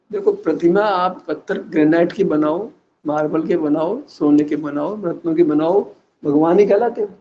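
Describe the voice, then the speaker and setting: A man's voice: high voice, mellow, highs cut off, a little hiss or hum. A man giving a religious philosophical discourse, teasing his listeners with rhetorical questions and chuckling at his own points. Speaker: religious teacher.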